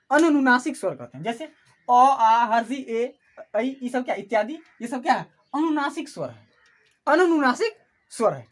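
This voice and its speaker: Woman teacher going over a lesson, asks then answers herself, pitch jumps around a lot, on the high side. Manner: asks questions and answers them herself, repeating key terms. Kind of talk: online class lesson.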